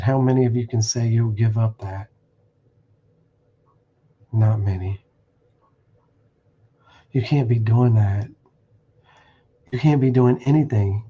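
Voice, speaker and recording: A man's voice: mid-range voice, steady tone, measured pace, pauses often, mellow, lo-fi sound. A man preaching bluntly on a stream, warning listeners and reading verses aloud with restarts. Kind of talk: streamed scripture teaching. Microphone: streaming setup.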